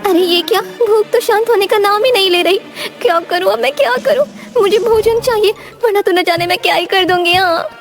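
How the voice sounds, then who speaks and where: A woman's voice: extremely high pitch, brisk, hardly any pauses, soft background music, voice pushed up. A woman voicing a cartoon village wife who has turned greedy and ravenous, with an exclaiming, theatrical manner.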